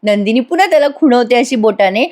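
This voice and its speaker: A woman's voice: on the high side, animated, fast talker, darkish tone. A woman giving a chatty voice-over review of a TV serial episode, talking straight to her viewers. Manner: chatty, addresses viewers, laughs often.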